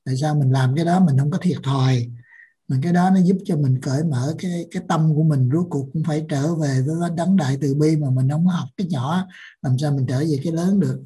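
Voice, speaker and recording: A woman's voice: deep voice, a little fast, dark tone, slightly rough. A woman earnestly recounting her teacher's lessons in a spiritual discussion. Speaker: discussion guest.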